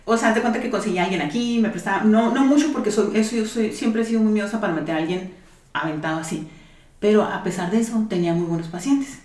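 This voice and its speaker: A Mexican woman tells her story at a fast clip, animated and playing out every remembered exchange. Her voice sits at an ordinary middle pitch. The room around her rings with echo. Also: far from the mic. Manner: animated storyteller acting out quoted dialogue. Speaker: dentist telling her story. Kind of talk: casual podcast chat.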